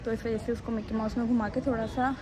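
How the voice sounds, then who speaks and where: Young woman vlogging on her phone, chatty, kinda high voice, lots of traffic noise behind. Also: flat delivery, quick pace. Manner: chatty, mixes English words into Hindi. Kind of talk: casual vlog chat.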